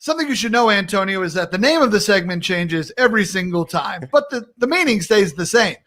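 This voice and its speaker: A male talk show host with a high voice, chatting casually on a live stream from home. He is upbeat and playful and laughs easily, like he is talking with a friend over a video call. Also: animated, brisk, fairly bright tone. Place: home in Minneapolis.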